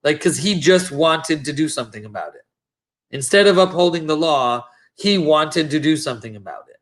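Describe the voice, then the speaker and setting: A man's voice: a little high, expressive, moderate pace. Blunt man chatting on a livestream. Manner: blunt, swears, retells stories with quoted voices. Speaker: livestream co-host. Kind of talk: casual group chat.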